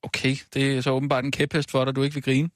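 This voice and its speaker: A man's voice: mid-range voice, monotone, dry recording, studio quality. A man hosting a comic radio interview, hesitant and coaxing, with many fillers. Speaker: host.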